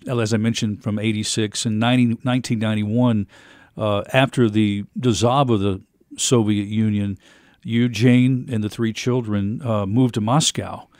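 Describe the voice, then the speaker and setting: A man hosting an interview show, asking questions and retelling stories in a steady way with fillers. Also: on the low side, a little slow, dry recording, clean studio sound. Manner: steady, recaps at length with fillers.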